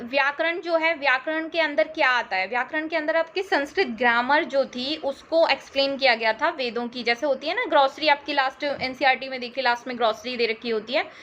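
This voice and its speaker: A woman with a high, bright voice teaches an exam-prep history lesson, speaking English. She repeats key terms and keeps quizzing her listeners with questions. The audio is a little dull, with faint noise underneath.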